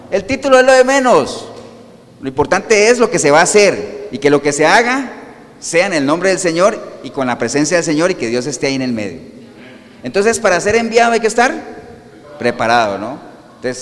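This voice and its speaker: A male pastor preaching a sermon, animated, asking the congregation rhetorical questions and answering them himself. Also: high-pitched, long reverb tail.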